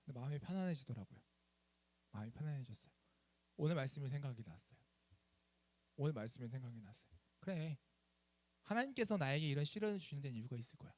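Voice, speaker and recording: With a mid-range voice, this young man talks quickly to a room of teens as their youth pastor, yet leaves long pauses. He's animated and chatty, weaving a personal story into a lively sermon and quizzing the students. There's no room sound in the recording.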